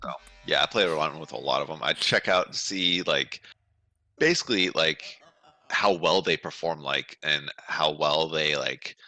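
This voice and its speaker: A man's voice: a bass voice, a little slow, pushed and bright, dry recording. A man in his twenties co-hosting a casual podcast, chatting loosely and acting out his own reactions. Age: 20s. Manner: casual, quotes his own thoughts aloud. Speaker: podcast co-host. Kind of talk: casual chat.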